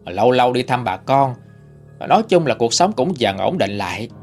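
A man's voice: mid-range voice, sing-song, moderate pace, a little mellow, soft background music. A man narrating listener stories in a conversational storytelling manner. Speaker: ghost story channel narrator. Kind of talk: reading listener-sent stories.

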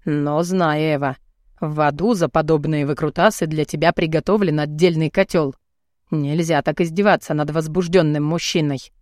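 A woman reading an audiobook and voicing a brash, crude, burly man with a husky, gruff voice and a teasing, swaggering manner. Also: low voice, steady tone, moderate pace, darkish tone, no room sound, studio quality, close to an everyday voice. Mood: strained.

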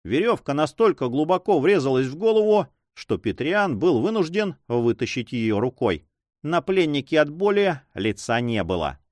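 A man reads an adventure novel aloud in an expressive, dramatic style. His intonation is animated and varied. The voice is recorded close and dry. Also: a little high, moderate pace, dry recording. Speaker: narrator. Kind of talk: audiobook reading.

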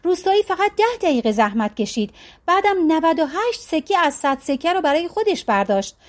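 A woman reading a halting wronged Brahmin. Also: extremely high pitch, very animated, pitched above the performer's own voice. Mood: pleading. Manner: halting, sighing plea. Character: poor wronged male Brahmin petitioner.

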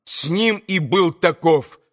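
Male audiobook narrator, measured expressive reading, slightly high voice. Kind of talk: scripted narration of a classic novel.

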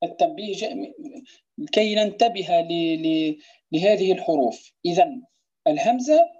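A woman gives a recitation lesson, patiently explaining each rule and repeating example words slowly to show how they should sound. Her voice is mellow and somewhat husky. The recording is dull and lo-fi. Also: on the low side. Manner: demonstrates pronunciations by repeating words slowly, asks "clear?". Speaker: Quran recitation teacher. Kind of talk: tajweed lesson explaining verse.

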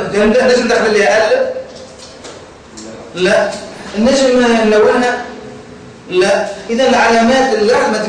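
A man's voice: high-pitched, far from the mic, a little hiss or hum. A man with a Tunisian Arabic accent teaching a grammar lesson, quizzing students and repeating key words. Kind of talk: classroom lecture. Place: classroom. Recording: echoey classroom, voice from afar.

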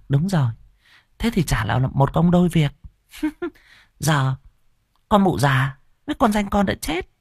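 A man's voice: high voice, creaky, slightly rough, dry recording, clean studio sound, voice pushed up, full character voice. A man voicing a scheming, greedy landlord's wife who nags in a wheedling tone.

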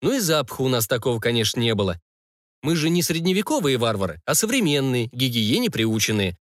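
A man's voice: mid-range voice, sing-song, fast talker, no echo. A man narrating a fantasy audiobook in the first person, with a wry, ironic storytelling manner, recorded on a close mic.

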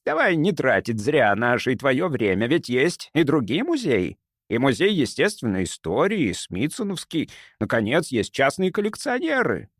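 A man voicing a sly, smooth-talking older male doctor who speaks softly and stays unflappable. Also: medium pitch, normal speed, no echo, clean studio sound. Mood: calmly bargaining. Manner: soft, sweetly calm, unflappable.

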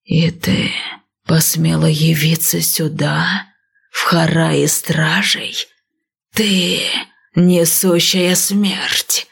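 A woman's voice: deep voice, steady tone, very slow, creaky, a bit bright, slightly rough, full character voice. A woman voicing an old male snake chief, stern, speaking in a hissing whisper.

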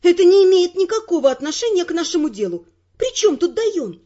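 A woman voicing a prickly, defensive young female spy with sharp retorts. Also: high-pitched, very animated, normal speed, dull audio. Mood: irritated.

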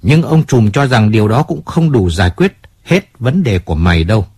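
A man reading the part of a calm, businesslike male family lawyer in an audiobook, measured and placating. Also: lowish voice, breathy edge, no room sound, clean studio sound, full character voice.

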